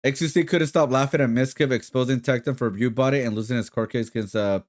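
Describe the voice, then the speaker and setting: A man's voice: mid-range voice, steady tone, fast. A man live-streaming in casual chat, rambling with lots of fillers and talking to his viewers as guys. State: hiccups.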